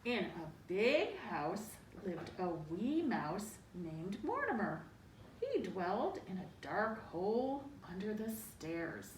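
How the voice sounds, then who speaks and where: Very animated but unhurried, a woman with a mid-range voice reads a children's picture book aloud. She adds dramatic emphasis and little asides to young listeners. The roomy sound comes from a distant mic and carries faint noise.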